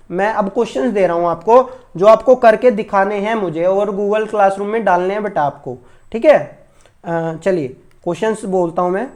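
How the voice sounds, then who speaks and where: The voice is male, sitting high with a darkish tone: a school teacher leading an online maths class for children. He repeats things patiently, checks often for understanding, and affectionately calls his pupils children.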